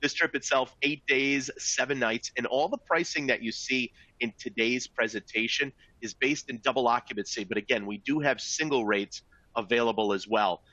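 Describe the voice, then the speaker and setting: A man's voice: mid-range voice, normal speed, pushed and bright, no echo, low-quality recording. A man presenting rail vacations in an upbeat, salesy talk, addressing listeners as folks. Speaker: travel company presenter. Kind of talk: sales presentation to travel advisors.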